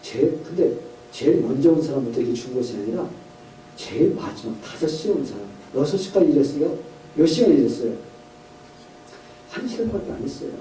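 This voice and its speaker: A male pastor delivers a sermon, retelling a parable and asking his listeners questions as he goes. His voice sits fairly high and mellow. He sounds a little distant from the mic in an echoey church hall, with faint room noise behind him. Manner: storytelling with questions to the congregation, voicing characters. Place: church sanctuary.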